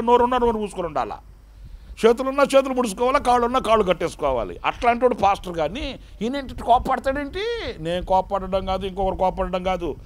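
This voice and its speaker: A man pastor preaching a lively sermon, asking the congregation questions and acting out the story. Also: sits high. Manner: animated call-and-response preaching.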